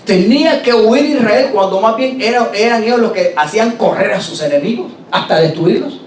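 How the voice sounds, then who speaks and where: A man preaching a sermon, slowing down to stress scripture and calling on the congregation to answer back. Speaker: pastor. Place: church hall. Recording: roomy church recording from a distance, faint rumble.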